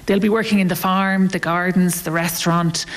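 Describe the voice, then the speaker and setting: A woman chief executive answering interview questions, her voice a little low for a woman. She speaks with enthusiasm, often restarting her phrases mid-sentence. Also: steady tone, normal speed.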